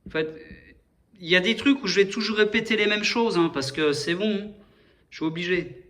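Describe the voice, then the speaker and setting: A man's voice: high voice, moderate pace, bright, forceful tone. A man hosting his own video, explaining letters and numbers in a hesitant, rambling way, often stopping to correct himself and asking the viewers if they follow. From France. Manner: hesitant, restarts often, addresses viewers directly.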